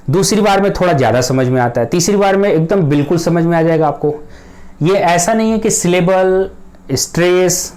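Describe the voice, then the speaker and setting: Man, grammar teacher, patient explanatory lesson, repeats key points, slightly high pitch. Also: darkish tone.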